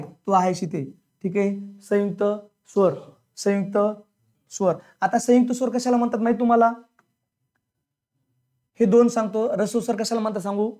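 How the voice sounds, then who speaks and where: A man's voice: sits high, darkish tone. Blunt male teacher drilling a class. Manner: drills the class with repeated questions; scolding, colloquial and blunt. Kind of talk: classroom grammar lecture. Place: classroom with students.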